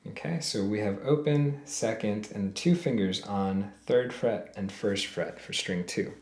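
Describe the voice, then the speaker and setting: A man's voice: on the low side, measured pace. A man teaching a ukulele lesson step by step, patiently calling out frets and counting beats aloud. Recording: roomy sound with loud ukulele playing.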